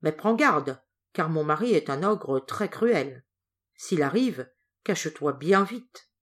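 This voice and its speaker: A woman's voice: low voice, animated, slow pace, full character voice. A woman voicing a very old, kind woman who warns a boy in a storybook reading. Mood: warning. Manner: warning, gentle.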